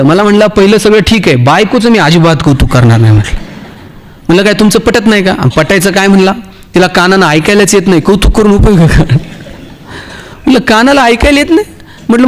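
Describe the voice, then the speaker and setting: A man with a Marathi accent giving a motivational speech, telling humorous stories and acting out the dialogue for his audience. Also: sits high. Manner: storytelling, acts out dialogue, jokes with the audience. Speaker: motivational speaker.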